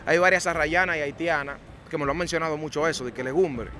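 A man's voice: a little high, quick pace, sharp tone, slight background noise. A man interviewing women on the street for a documentary, asking direct questions with slangy asides. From Dominican Republic.

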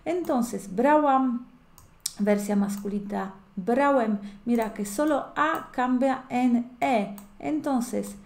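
Slow, patient woman teaching grammar. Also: on the high side, creaky, a little mellow, reverberant. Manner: explains patiently, often checks with a rising "¿sí?" or "¿no es cierto?". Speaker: language teacher. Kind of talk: grammar lesson.

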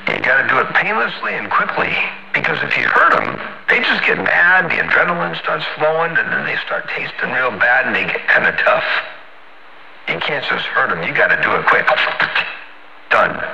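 A man's voice: medium pitch, very animated, moderate pace, creaky, bright, forceful tone. A man on a CB radio, chatting casually in a rambling, folksy way full of CB slang, heard over the radio transceiver. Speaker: CB radio operator. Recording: muffled CB radio with static.

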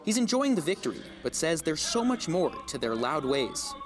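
A man's voice: a little high, big pitch swings, normal speed. An American man in his thirties narrating a scripted TV news feature as a reporter. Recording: music bed behind voice.

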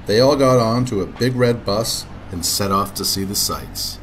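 A father reading a children's picture book aloud with expressive, animated storytelling. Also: lowish voice, moderate pace, a little hiss or hum.

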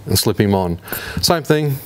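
A man in his fifties with an Australian accent, hosting a fishing tutorial in a garage workshop and explaining each step in a relaxed, slangy way. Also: lowish voice, a little slow, slight background noise. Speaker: fishing channel host. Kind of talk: hands-on tutorial. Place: indoor garage workshop with shelves.

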